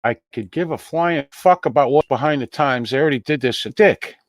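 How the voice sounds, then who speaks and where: A man's voice: mid-range voice, a little fast, no echo, clean studio sound. A man hosting a casual talk show, exasperated and cursing. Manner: exasperated, curses. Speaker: host.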